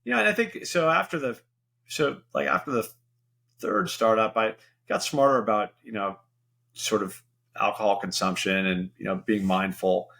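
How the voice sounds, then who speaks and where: Speaking at a normal speed, this middle-aged man has a fairly low, gravelly voice with a bit of brightness. He's a venture investor on a podcast, giving a casual interview in a candid, rambling style full of "you know."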